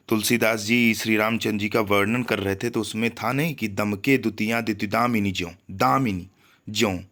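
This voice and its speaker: Slow-paced, low-voiced teacher. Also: male voice, a bit bright. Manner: slow, deliberate listing with frequent pauses and repetitions. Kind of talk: exam-prep grammar lesson, reading word lists.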